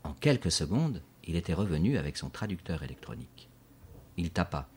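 Man reading a storybook aloud, super deep voice, bit husky, measured. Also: sing-song, darkish tone. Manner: measured, storytelling delivery with dialogue tags. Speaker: narrator. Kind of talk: scripted audiobook narration.

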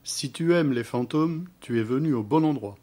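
A man voicing a gentle father who patiently explains things to his son, in a storybook reading. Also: medium pitch, moderate pace, voice pushed up, natural voice.

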